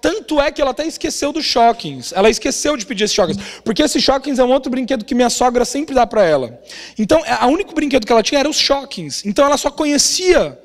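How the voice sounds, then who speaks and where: A young adult Brazilian man preaching as a pastor, telling a family story in an animated way and often ending phrases with a tag question. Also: very high voice, quick pace. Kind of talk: sermon storytelling. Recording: long reverb of a large hall.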